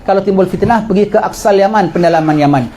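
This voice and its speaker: A middle-aged man giving a religious lecture, telling history in a lively way and asking and answering his own questions. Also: high voice, quick pace, slight background noise.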